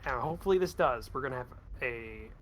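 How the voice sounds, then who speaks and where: Acting as game master in a voice call, a man explains things in a rambling, self-correcting way during casual game chat. His mid-range voice has lively intonation, a quick pace and a fairly bright tone. The voice call microphone picks up a little hiss or hum.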